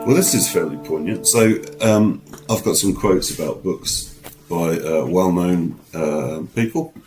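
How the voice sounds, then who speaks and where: A man's voice: sits low, a little slow, music in the background, poor audio. A man co-hosting a podcast in a studio, rambling casually with many ums and restarts. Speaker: podcast co-host. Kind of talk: casual chat.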